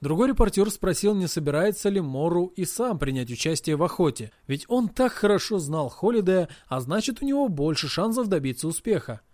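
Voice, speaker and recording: A man narrating a novel in the first person as an audiobook reader, in a steady storytelling manner. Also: high-pitched, fairly quick, hardly any pauses, dry recording, studio quality.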